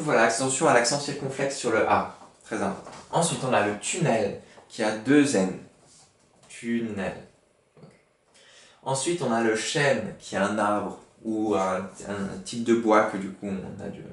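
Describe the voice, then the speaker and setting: Patient teacher, roomy distant sound. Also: male voice, fairly low pitch. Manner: patient, explains word origins with many fillers. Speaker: primary school teacher. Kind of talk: remote spelling lesson. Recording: roomy, from far off the mic.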